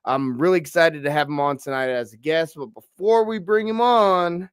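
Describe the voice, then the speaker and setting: A fairly high, clear and resonant male voice at normal speed, recorded in a clean studio with no echo. He's a young combat-sports podcast host from the US Pacific Northwest, slightly stuffy with a cold, chatting casually in an interview with a laid-back style full of fillers and "bro."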